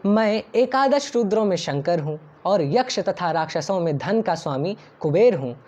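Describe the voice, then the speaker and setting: एक महिला जो धार्मिक श्लोकों को गाकर पढ़ती है और फिर उनका अर्थ शांत, नपे-तुले ढंग से पढ़कर सुनाती है।. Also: female voice, lowish voice, animated, moderate pace, warm tone. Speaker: scripture reciter and translator. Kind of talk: chanted verse recitation with read translation. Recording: dull lo-fi recording over faint instrumental music.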